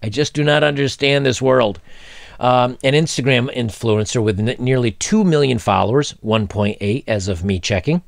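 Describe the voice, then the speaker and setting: A man's voice: medium pitch, normal speed, creaky, no echo, clean studio sound. A man in his forties giving blunt, opinionated commentary while reading a news story aloud, with mocking asides. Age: 40s.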